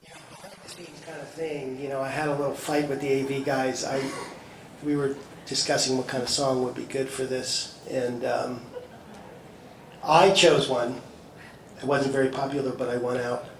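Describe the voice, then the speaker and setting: A man emceeing an awards gala with playful, self-mocking patter and halting restarts. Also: medium pitch, flat delivery. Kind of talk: joking stage patter. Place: large event hall. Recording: echoey hall from far off, crowd noise.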